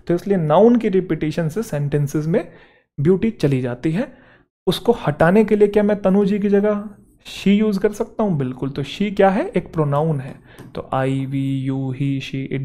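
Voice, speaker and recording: A male teacher giving a grammar lesson, who keeps asking the class quick check questions. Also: fairly high pitch, warm tone.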